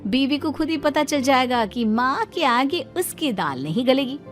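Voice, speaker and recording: A woman tells a family tale as scripted narration, with a dramatic storybook tone. Her voice sits fairly high, and soft music plays underneath. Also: very animated, measured pace.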